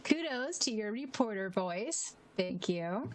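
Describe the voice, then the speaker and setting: A woman's voice: medium pitch, lively intonation, slow, poor audio. A woman co-hosting a podcast in casual chat, reading listener comments aloud and laughing often. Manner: giggly, reads quotes aloud with small voice shifts. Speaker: podcast co-host.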